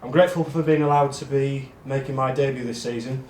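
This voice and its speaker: A man giving a self-deprecating speech to his friends in a monotone voice, with frequent ums. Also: medium pitch, fairly quick. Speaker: award speech giver among friends. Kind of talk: casual speech read to friends. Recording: echoey room with faint noise.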